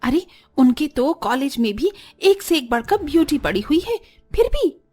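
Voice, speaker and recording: A woman's voice: sits high, big pitch swings, moderate pace, a little mellow, faint music behind, pitched above the performer's own voice. A woman voicing a spiteful, arrogant young sister-in-law in a cartoon story, talking in a sneering, taunting way. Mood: scornful.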